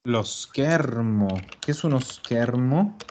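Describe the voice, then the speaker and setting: A man teaching an online language class, explaining patiently and slowing down to repeat example words. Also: mid-range voice, a little mellow, slight background noise. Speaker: Italian teacher. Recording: dull lo-fi recording.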